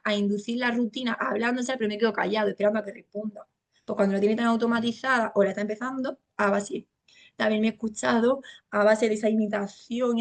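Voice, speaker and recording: A woman's voice: on the high side, creaky. A woman with a Spain Spanish accent, a speech therapist explaining to parents in a colloquial, patient way. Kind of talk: family training talk.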